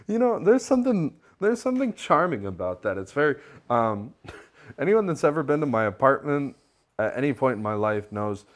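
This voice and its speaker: A man's voice: medium pitch, very animated, normal speed. A man co-hosting a podcast, chatting casually and enthusiastically about an album, often laughing. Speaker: podcast co-host. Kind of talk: casual music review chat.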